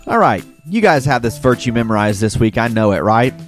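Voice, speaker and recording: The host of a kids' educational podcast talks in a mid-range, expressive voice at a fairly quick clip. He addresses young listeners directly and encouragingly, running through scripted facts and games over background music.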